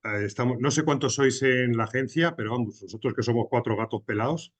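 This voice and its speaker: Hosting a business podcast, a man asks interview questions in a casual, conversational style, rephrasing them as he goes. His voice is medium-pitched and fairly quick.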